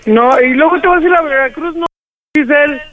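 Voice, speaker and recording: A woman's voice: high-pitched, a little fast, fairly bright tone. A middle-aged woman with a Mexican accent, a stern, insistent mother scolding over the phone. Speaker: prank call target, mother. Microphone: telephone. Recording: tinny phone line.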